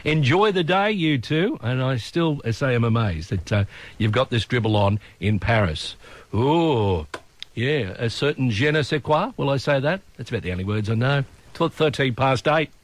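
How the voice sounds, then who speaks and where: A man's voice: medium pitch, lively intonation, moderate pace. An older Australian man hosting local radio with casual, matey, self-deprecating breakfast chat. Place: radio studio.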